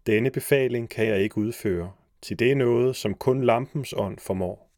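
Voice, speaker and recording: A man's voice: medium pitch, darkish tone, no room sound, studio quality, natural voice. A man voicing a powerful genie servant of a ring, speaking formally and obediently in a storybook reading. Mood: dutiful.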